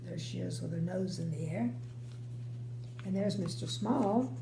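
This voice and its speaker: Older woman reading bedtime stories, slow and creaky. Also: fairly low pitch, mellow. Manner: folksy, unhurried asides. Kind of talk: read-aloud storytelling with casual chatty asides. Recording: roomy home recording, faint hum.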